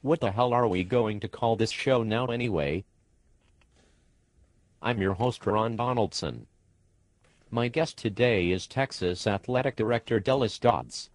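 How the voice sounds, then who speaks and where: A man's voice: fairly low pitch, a little slow, long pauses, no echo, close to an everyday voice. A computer-generated man's voice playing a prim talk show host who speaks formally and keeps apologizing. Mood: exasperated.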